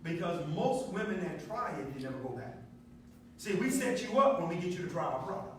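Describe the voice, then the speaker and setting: A man pitching a product to a live audience in an emphatic, preacher-like way, asking the crowd questions. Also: big pitch swings, brisk. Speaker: speaker presenting a product to an audience. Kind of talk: preacher-like sales talk with call and response. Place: meeting room with a live audience. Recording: echoey noisy room from far off.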